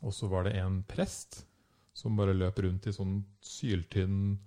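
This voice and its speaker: Casting: lower-voiced man, animated storyteller, acts out quotes. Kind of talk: casual storytelling chat.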